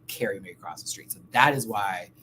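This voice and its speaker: Fairly quick and lowish in voice, this American livestream host shares candid personal stories with slang and lots of side remarks. The background is noisy.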